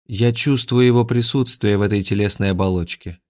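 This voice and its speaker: A man's voice: lowish voice, fairly even intonation, a little fast, darkish tone, dry recording, clean studio sound, natural voice. A man voicing a woman possessed by an alien, speaking in an indifferent, lifeless way. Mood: cold. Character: woman whose body is taken over by a cold alien.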